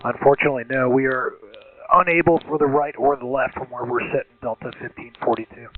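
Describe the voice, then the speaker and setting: A man's voice: medium pitch, brisk. A man who is an airline pilot, talking over air traffic control radio. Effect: radio transmission. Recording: tinny narrow-band cockpit radio.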